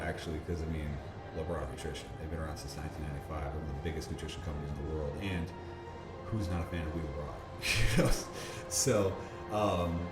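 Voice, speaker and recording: A man being interviewed, telling a story casually, animated, laughing often and restarting his sentences. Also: deep voice. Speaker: bodybuilder interviewee. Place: gym or park. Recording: roomy echo, faint background hum.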